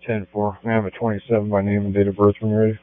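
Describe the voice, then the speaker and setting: A deep-voiced man speaks over a police radio in a level, even tone. His delivery is clipped and procedural, and he spells out letters with the phonetic alphabet. The dull, dry transmission carries a faint mains hum. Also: racing, no room sound. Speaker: police officer. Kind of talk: radio call-in.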